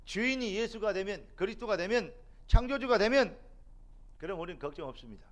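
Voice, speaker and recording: A middle-aged man preaching a sermon as a pastor in a church, building to loud, emphatic peaks. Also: high-pitched, lively intonation, fast talker. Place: church sanctuary.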